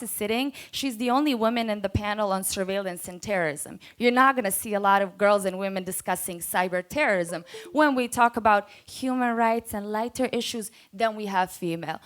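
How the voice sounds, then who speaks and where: A Bosnian woman, a non-native English speaker with a Bosnian accent, gives an earnest, unscripted talk as a panelist at a conference workshop in a conference room. Her voice is fairly high and bright, with many filler pauses.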